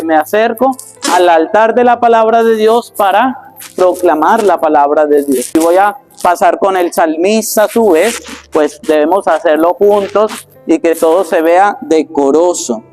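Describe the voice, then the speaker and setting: A priest, teaching a workshop for church readers and often checking in with rhetorical questions. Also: male voice, sits high, a little mellow. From Colombia. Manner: explanatory, asks the audience rhetorical questions.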